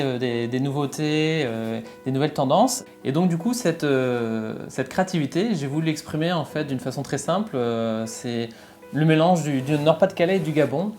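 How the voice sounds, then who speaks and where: A man in his thirties from northern France, a fashion brand co-founder, speaking in a casual promotional interview and often pausing with fillers and restarts. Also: on the high side, a little mellow. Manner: hesitant, many fillers and restarts.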